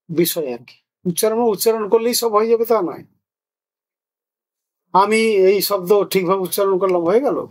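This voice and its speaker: Male spiritual teacher with a notably high voice, patient and explanatory, teaching in a discussion. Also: a little mellow. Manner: explains patiently, asks rhetorical questions. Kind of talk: spiritual discourse.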